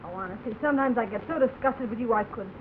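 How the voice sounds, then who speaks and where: A woman's voice: a little high, fast talker, lightly acted. An American actress playing a wisecracking, pushy young woman with gangster's-moll patter in a 1930s Hollywood film. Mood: bossy, teasing. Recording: tinny, noisy 1930s film soundtrack.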